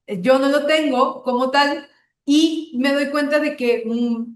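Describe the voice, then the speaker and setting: A woman's voice: high-pitched, steady tone, unhurried. Mexican woman lecturing in an echoey room. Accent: Mexican Spanish. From Tabasco, Mexico. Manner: explanatory, checks in with "¿ok?" and "¿no?". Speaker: workshop facilitator. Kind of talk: online workshop lecture.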